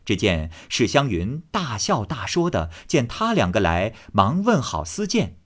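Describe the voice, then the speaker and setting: A man narrating a classic novel in an expressive storytelling manner. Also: mid-range voice, unhurried.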